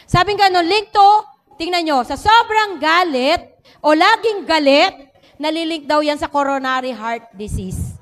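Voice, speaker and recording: A woman giving a lively church teaching talk, mixing in English and acting out quotes. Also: high voice, unhurried. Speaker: church speaker. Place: church hall. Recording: long hall reverb.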